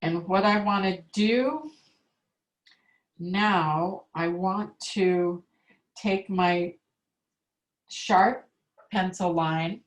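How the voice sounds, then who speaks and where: Slow, patient woman teaching calligraphy. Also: mid-range voice. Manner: slow, patient step-by-step instruction. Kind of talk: online art class demonstration. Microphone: video call. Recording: echoey room on a video call.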